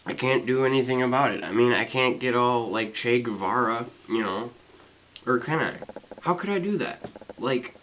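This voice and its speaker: A young man in his late teens venting in a casual vlog, rambling with lots of fillers and swearing, swinging between loud complaints and quiet mumbling. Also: mid-range voice, steady tone, moderate pace, slight background noise, rough recording. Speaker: student vlogger.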